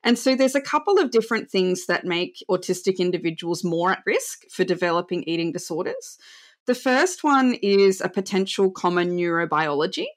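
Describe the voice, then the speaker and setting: A woman's voice: lowish voice, big pitch swings, moderate pace. A woman researcher explaining her field in a precise, academic manner during an interview. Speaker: researcher, expert. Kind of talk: expert interview.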